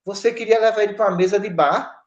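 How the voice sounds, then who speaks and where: A woman's voice: mid-range voice, quick pace. Scolding woman. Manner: scolding, emphatic, frequent tag questions. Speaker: spiritual counselor. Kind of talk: spiritist study podcast talk. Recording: roomy, dull lo-fi sound.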